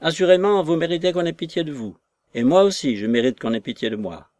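A man's voice: a little high, fairly quick, darkish tone, no room sound, voice pushed up, lightly acted. A man voicing a distraught lady's maid, a woman who wails and pities herself in a raised, plaintive voice. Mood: lamenting.

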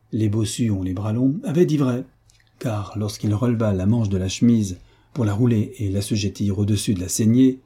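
Homme au timbre sombre, lecture de roman. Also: male voice, on the low side, mellow, breathy edge. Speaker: reader. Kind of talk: reading a classic novel aloud.

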